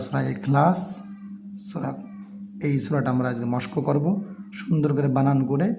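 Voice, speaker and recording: A man teaching Quran reading step by step, spelling out each letter and vowel and then reciting slowly. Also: mid-range voice, creaky, background noise.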